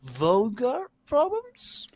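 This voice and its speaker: A man's voice: very high-pitched, huge pitch swings, extremely slow, no room sound, pitched above the performer's own voice, full character voice. Man playing a blunt young innkeeper's son. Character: teen innkeeper's son, brisk and cheeky.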